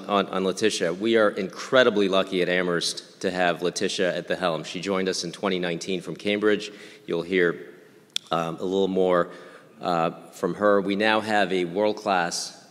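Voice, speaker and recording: A man's voice: deep voice, fairly even intonation, moderate pace, fairly bright tone. A man in his fifties moderating a panel, talking with hesitant restarts. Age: 50s. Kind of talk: panel introduction. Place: reunion event hall. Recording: echoey hall.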